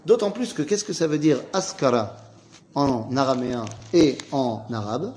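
Animated, questioning male Talmud teacher. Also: mid-range voice, moderate pace, a little hiss or hum. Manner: animated, asks questions and answers them himself; casual and slangy. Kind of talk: informal Talmud class with students.

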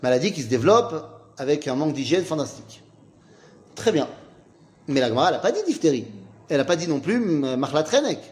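A man's voice: on the high side, sing-song, fast talker, long pauses, darkish tone. A man teaching an informal Talmud class, asking questions and then answering them himself in a casual, slangy way.

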